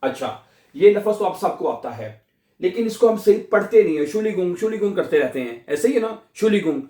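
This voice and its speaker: Male language teacher, high-pitched, drills words slowly; roomy echo, mic set back. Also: sing-song, warm tone. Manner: drills words slowly, syllable by syllable, with many repetitions. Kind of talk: pronunciation lesson. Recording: echoey room, mic at a distance.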